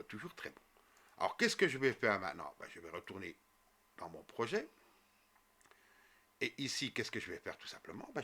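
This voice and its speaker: A man walking viewers through a coding tutorial step by step as he types, with frequent fillers and quick self-corrections. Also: lowish voice, pushed and bright, breathy edge. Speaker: programming tutor. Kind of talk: screen-recorded coding tutorial.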